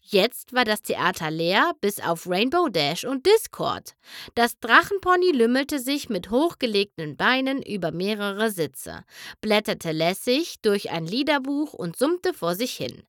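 A woman narrating a children's storybook in an expressive, animated way. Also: mid-range voice, unhurried, no echo, clean studio sound. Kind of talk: storybook reading.

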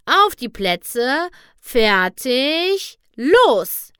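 A woman's voice: mid-range voice, sing-song, a little slow, bright, forceful tone, clear, resonant tone, dry recording, clean studio sound. A woman voicing a spirited, folksy farm pony mare who rallies everyone with hearty calls, in a storybook reading. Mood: shouting.

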